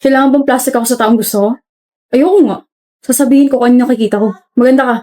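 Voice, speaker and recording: A woman's voice: high-pitched, fairly even intonation, very fast, warm tone, natural voice. A young woman playing a reserved young male college student who speaks bluntly and matter-of-factly in a skit. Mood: calm. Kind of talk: skit role-play.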